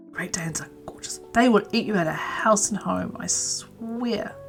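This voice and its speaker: Slow and gravelly at a medium pitch, this woman from New Zealand talks over faint music while crocheting on a livestream. She wanders from topic to topic, responds to viewer comments aloud, and now and then quietly counts her stitches.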